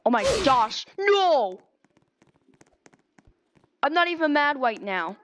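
A high, bouncy woman's voice narrates her game as she plays, swinging from low mutters to sudden excited squeals. The commentary is casual and excitable, with a faint hiss of background noise. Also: moderate pace. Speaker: gaming video host.

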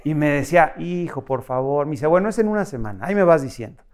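A man with a Mexican accent, a guest in a casual interview, telling animated stories and acting out dialogue. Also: fairly high pitch, fast, clean tone. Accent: Mexican Spanish. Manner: animated, acts out dialogue with shifts in voice.

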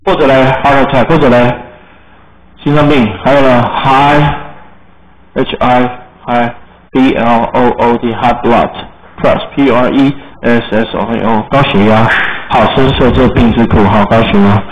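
A man's voice: mid-range voice, steady tone, takes it slowly. A man with a Taiwanese Mandarin accent teaching English vocabulary to a class, spelling words letter by letter and explaining them in Chinese. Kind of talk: classroom lesson. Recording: roomy, muffled classroom recording with faint noise.

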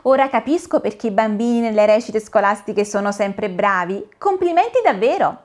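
A woman's voice: mid-range voice, animated, moderate pace, close to an everyday voice. A woman voicing a kind little girl who speaks with eager wonder. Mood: amazed. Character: amazed little girl, kind and wide-eyed.

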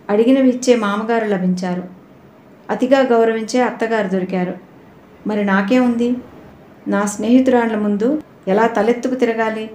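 Woman voicing a resentful young wife for a storybook, accusing and indignant, mellow voice, echoey room, light character voice. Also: medium pitch, a little hiss or hum, lightly acted. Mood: bitter. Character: young bride, bitter and defiant. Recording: roomy echoey recording.

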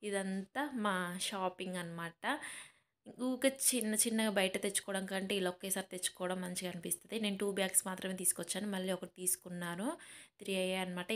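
A young woman and mother narrating a family shopping vlog in a chatty voice-over, often addressing viewers as friends. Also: lowish voice. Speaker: vlogger and mother.

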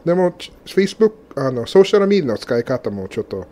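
A man co-hosts a casual radio chat in a mellow, medium-pitched voice that is very animated. His non-native speech is halting, full of restarts and laughter.

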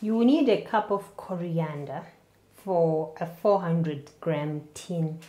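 Woman, 30s, cooking host; slow, steady instructional delivery, roomy kitchen sound. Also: on the low side, noisy background. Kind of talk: cooking demonstration to camera. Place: home kitchen, indoors.

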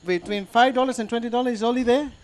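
A ship's chef from Chile, with a strong Chilean Spanish accent, jokes with the audience in broken English during a live cooking demonstration. His voice is very high and his pace quick. He's in the ship's show kitchen before an audience.

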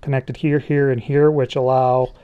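A man doing a relaxed, joking toy review, talking through each detail as he handles the figure at a table in a small studio. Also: mid-range voice, moderate pace, clean tone, dull audio. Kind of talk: casual toy review chat.

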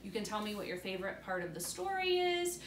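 Talking fast in a mid-range voice with big pitch swings, a middle-aged woman reads a picture book aloud and explains it to young students as their teacher. She's in an indoor room at home next to a glass door. A camera a few feet away records roomy echo and faint room noise.

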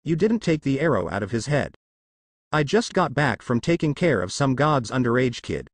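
A man's voice: mid-range voice, very animated, normal speed, no echo. A man doing a sarcastic young warrior woman. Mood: dry. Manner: dry and cutting.

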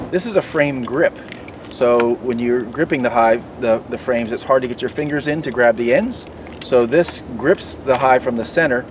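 A middle-aged man in a garden, explaining beekeeping tools step by step with many fillers and restarts. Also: mid-range voice. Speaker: beekeeping mentor. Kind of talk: outdoor demonstration. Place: outdoors by garden foliage. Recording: distant mic, outdoor noise.

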